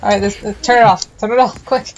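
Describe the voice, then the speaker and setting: A woman's voice: medium pitch, steady tone, quick pace, lo-fi sound, slight background noise. Woman tossing out wry teasing remarks. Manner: wry, teasing side comments. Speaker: let's play co-host. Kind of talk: casual banter while watching a game.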